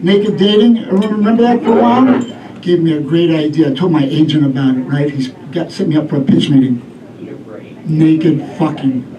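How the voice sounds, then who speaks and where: A man's voice: a little high, brisk, a loud crowd. A middle-aged man performing a stand-up routine, telling stories in a rambling way and acting out bits. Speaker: stand-up comedian. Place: live comedy venue with audience. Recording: echoey club room, distant mic, audience laughter.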